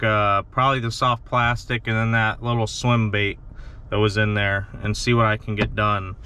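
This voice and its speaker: A man's voice: medium pitch, fairly bright tone, a little hiss or hum. A young man chatting and joking to camera in a casual fishing vlog, filmed in a parked truck on a dashboard camera. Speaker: fishing vlogger.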